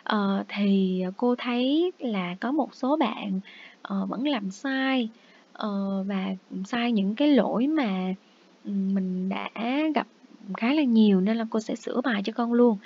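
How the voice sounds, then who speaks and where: A woman teaching English to young children in a recorded review lesson. She speaks patiently and coaxingly, and she says English words slowly and repeats them for the class. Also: medium pitch, breathy edge, muffled recording.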